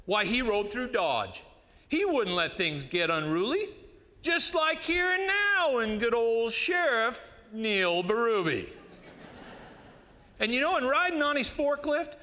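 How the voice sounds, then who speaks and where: Male cowboy poet, higher-pitched Western twang, folksy and unhurried delivery with dramatic pauses, recitation in a reverberant hall. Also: pushed and bright. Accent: American West cowboy twang. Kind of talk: cowboy poetry recitation to an audience.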